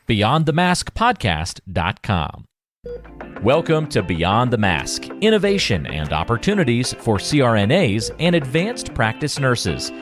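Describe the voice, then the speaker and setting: Lively male announcer over guitar music. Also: mid-range voice. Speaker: show announcer. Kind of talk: scripted podcast intro.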